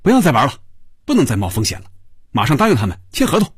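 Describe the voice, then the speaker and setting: A man voicing an anxious, easily flustered male executive who yells at his colleagues, in a spoken story. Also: mid-range voice, huge pitch swings, fast, husky, no room sound, studio quality, voice pushed up. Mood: anxious, shouting. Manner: agitated, shouting.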